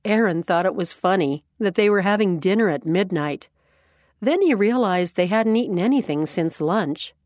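Calm woman reading a story aloud. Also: medium pitch, moderate pace, no room sound, clean studio sound. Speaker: story narrator. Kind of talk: scripted narration.

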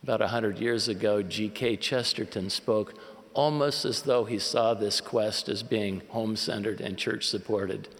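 A man giving an earnest, measured sermon as a church leader at a conference. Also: fairly low pitch, fairly even intonation. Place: large conference hall. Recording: long reverb of a large hall.

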